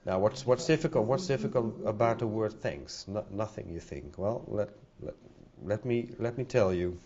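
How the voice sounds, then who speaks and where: This conference talk comes from a middle-aged Dutch-accented man at a podium, hesitant and prone to fillers and word repetition, addressing a hall audience. He speaks at normal speed in a lowish, dark voice. The sound from the podium microphone is dull and lo-fi.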